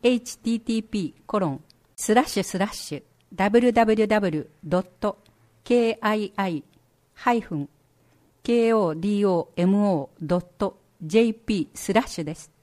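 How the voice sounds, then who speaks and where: Lady announcer reading out a notice, careful and clear, soft mellow voice. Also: mid-range voice, fairly quick. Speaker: radio announcer.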